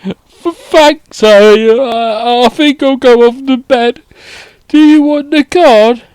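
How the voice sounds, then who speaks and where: A man's voice: extremely high pitch, takes it slowly, darkish tone, clear, resonant tone, no room sound, voice pushed up. A man voicing a nervous, shy boy wizard who stammers and hesitates. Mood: timid.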